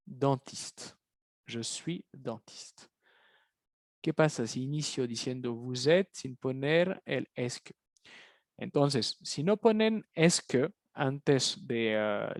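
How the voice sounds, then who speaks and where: In a studio-quality recording with no room sound, a man with a fairly high voice leads an online French review lesson. He explains in Spanish and patiently repeats phrases for his students.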